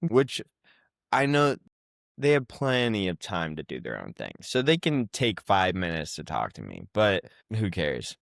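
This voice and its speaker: A man's voice: sits low, huge pitch swings, unhurried, creaky, no echo, studio quality. A young man in his twenties telling casual, rambling stories as a podcast co-host, with plenty of fillers. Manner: rambling storytelling with many fillers. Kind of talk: casual chat.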